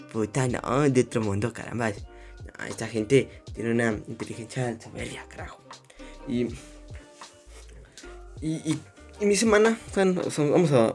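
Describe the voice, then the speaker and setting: A young man hosting a podcast as a rambling, self-mocking casual monologue full of crude slang. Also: mid-range voice. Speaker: podcast host.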